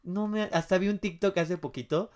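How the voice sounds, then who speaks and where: A man's voice: sits high, normal speed, darkish tone. A man with a Mexican Spanish accent co-hosting a podcast, talking in a chatty, emphatic way and readily agreeing with his co-host. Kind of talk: casual chat.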